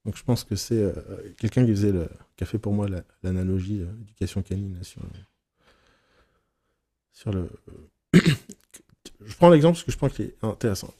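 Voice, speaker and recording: A man leading a casual teaching session for therapists, frank and animated, swearing casually and acting out his examples. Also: lowish voice, normal speed, long pauses. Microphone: recorded live session, on YouTube.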